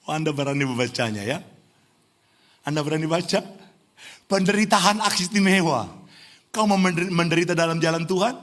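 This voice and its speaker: A middle-aged man from Indonesia preaching a lively sermon in a church, teasing the congregation and rising to near-shouts. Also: on the high side, fast. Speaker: pastor. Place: church hall.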